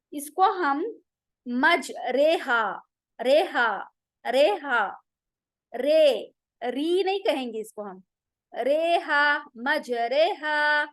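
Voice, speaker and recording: A woman teaching Quran recitation rules, explaining patiently and drilling pronunciations slowly, one sound at a time. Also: high voice, no room sound. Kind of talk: online tajweed lesson.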